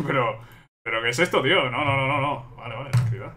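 A man's voice: medium pitch, normal speed, pushed and bright. A young man commenting on his own gameplay, exasperated and repeating himself as he rants at the game. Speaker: gaming YouTuber.

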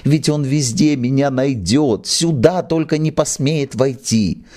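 A man's voice: mid-range voice, unhurried, dark tone, pitched above the performer's own voice, close to an everyday voice. A man doing a trembling old theatre manager. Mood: pleading. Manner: trembling, nasal pleading whisper. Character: old bald cowardly theatre manager, pleading.

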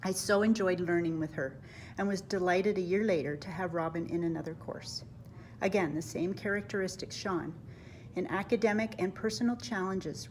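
A middle-aged woman teacher reading a warm, admiring introduction of a student into a webcam. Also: lowish voice, slight background noise. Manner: warm, admiring, reads lists of traits. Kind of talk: prepared tribute speech. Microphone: webcam, close framing.

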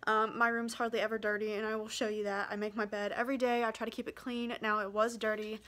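A young woman talks her way through a casual home vlog, her voice sitting a little on the high side. She rambles and apologizes as she goes, still a bit out of breath from rushing downstairs. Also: flat delivery, fairly bright tone. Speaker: vlogger. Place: home bedroom, indoors.

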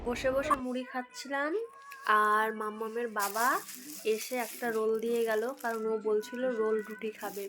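A woman's voice: on the high side, fairly even intonation, normal speed, crowd noise. A woman with a Bengali accent chatting casually to viewers in a daily vlog, talking to her small child as she goes. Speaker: vlogger.

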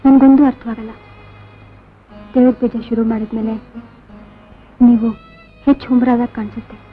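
A woman's voice: fairly high pitch, steady tone, normal speed, close to an everyday voice. An actress playing a caring rural wife who speaks earnestly and plainly with her husband, in a 1970s Indian film. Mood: firm. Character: caring rural woman, firm with husband, adult. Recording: tinny old film soundtrack with faint music.

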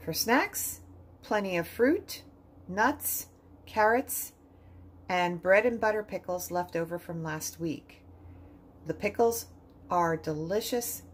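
A woman with a fairly low voice narrates her budget grocery video, reading off each item and what it cost in a calm, steady list. It is a home-recorded voice-over with a faint hiss of room ambience behind it.

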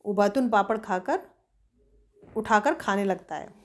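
A woman teacher reading a story aloud for a class lesson, in an expressive storytelling manner. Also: medium pitch, a little slow.

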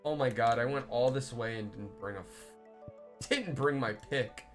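A man's voice: mid-range voice, measured pace, soft background music. A young man live-streaming a game, chatting loosely with viewers, rambling and swearing as he plays. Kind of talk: casual live-stream chat while playing.

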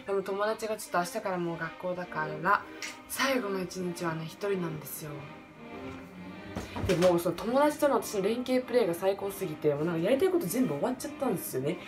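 早口で抑揚豊かな西日本なまりの若い女性. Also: female voice, mid-range voice, fast. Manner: rambling, excitable, jokey. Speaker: vlogger. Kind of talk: casual solo vlog chat. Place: hotel room at night, indoors. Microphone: camera in front under bright lights. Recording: background music under voice.

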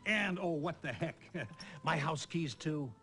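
An actor playing a prissy, passive-aggressively polite doctor in a TV comedy-drama, speaking in a formal, pointed way. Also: male voice, fairly high pitch, lively intonation, a little slow, background noise. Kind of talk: naturalistic TV comedy-drama acting.

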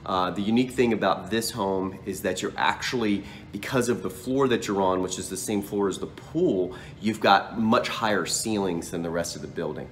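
Speaking at a normal speed with few pauses, a deep-voiced real estate agent in his thirties guides viewers through an apartment indoors. He records on a phone held at arm's length, so the hallway and rooms sound echoey, with noise in the background.

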